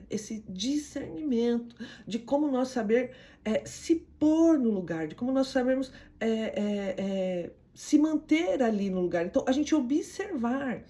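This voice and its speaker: Animated Brazilian woman teaching. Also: a little high. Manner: animated, frequent "né?" tags, acts out quoted voices. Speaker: communication coach. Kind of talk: motivational teaching talk.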